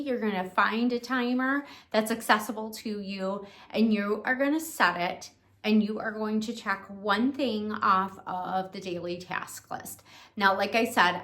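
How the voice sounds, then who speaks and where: A woman's voice: medium pitch, sharp tone. A woman who hosts a cleaning channel, talking to camera in a casual, encouraging way with frequent ums and restarts. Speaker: cleaning coach and host. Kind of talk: casual instructional talk to camera.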